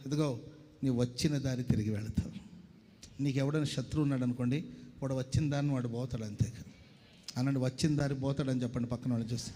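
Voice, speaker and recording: Male pastor, higher pitch, lively sermon delivery in a reverberant church hall. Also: a little hiss or hum. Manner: preaching, calls for congregation responses, acts out quoted voices.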